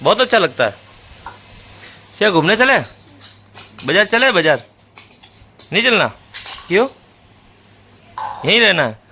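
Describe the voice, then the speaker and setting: Playful bright-voiced vlogger man. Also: sits high, sing-song, a little slow, long pauses, slight background noise. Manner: playful, teasing, talks to the camera as "guys". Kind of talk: casual vlog chat with neighborhood kids.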